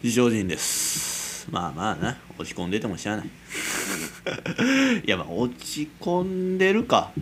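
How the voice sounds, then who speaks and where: A young man in his twenties from Kansai, Japan, speaks with a Kansai accent as the amateur host of a casual solo late-night radio-style chat. He rambles and mocks himself, chuckling often. His mid-range voice is fairly bright, sing-song and unhurried, with slight background noise.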